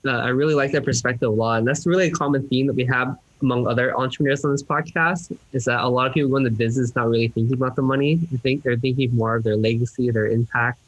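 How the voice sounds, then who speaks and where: A man's voice: medium pitch, dry recording, rough recording. Man hosting a podcast, dry close sound. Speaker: podcast host. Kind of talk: casual interview chat.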